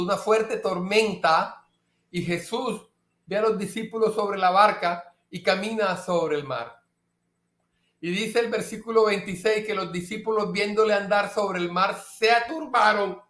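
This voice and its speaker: A man preaching a sermon slowly and emphatically, repeating key phrases. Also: high voice, a bit bright, roomy sound.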